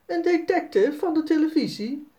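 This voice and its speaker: A reader voicing a little boy detective, eager, bragging, high lively voice, storybook, slightly distant. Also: moderate pace. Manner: eager, boasting.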